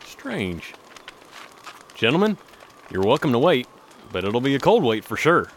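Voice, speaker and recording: A man's voice: medium pitch, sing-song, a little slow, a little hiss or hum. An actor playing a folksy mountain man telling a story by the campfire in an audio drama.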